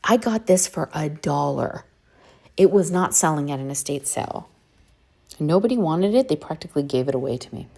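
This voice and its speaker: A woman's voice: low voice, lively intonation, a little fast, vocal fry, warm tone. A woman hosting a casual how-to video, chatty and eager, talking straight to her viewers. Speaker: vintage reseller host. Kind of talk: casual how-to talk to camera.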